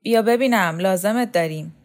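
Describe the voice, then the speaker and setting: A woman's voice: medium pitch, lightly acted. A woman voicing a proud, blunt circus strongwoman who talks in a brash, commanding way.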